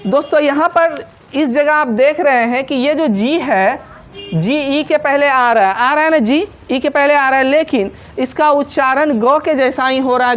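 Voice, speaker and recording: High-voiced woman teaching pronunciation. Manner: repetitive, asks and answers her own questions, spells words letter by letter. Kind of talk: classroom-style lesson.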